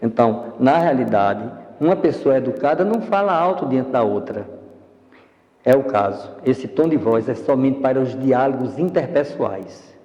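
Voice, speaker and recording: A man's voice: medium pitch, expressive, moderate pace, dark tone, echoey room, in a large hall, highs cut off. A man with a Brazilian Portuguese accent teaching a public speaking course in a didactic, explanatory way, recorded in a studio. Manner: didactic, explanatory, demonstrates voice tones.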